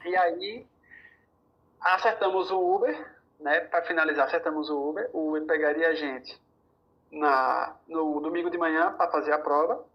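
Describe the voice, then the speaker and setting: A man from Brazil telling a story in casual podcast chat, acting out the dialogue and rushing through some bursts. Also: on the high side, muffled recording. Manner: animated, quotes dialogue, rushes through bursts. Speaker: podcast guest.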